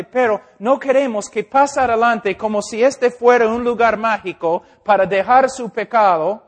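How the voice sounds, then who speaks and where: A male preacher. He is an English speaker, so his phrasing halts and corrects itself. He often checks that his listeners understand. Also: high voice. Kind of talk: informal teaching sermon.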